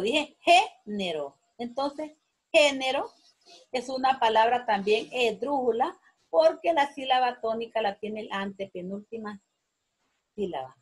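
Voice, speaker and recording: A woman teacher walks pupils through a spelling exercise at an unhurried, careful pace, drawing out each word. Her voice sits a little high and has a husky edge. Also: poor audio. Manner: slow, patient, repeating words syllable by syllable. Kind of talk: classroom lesson on accents.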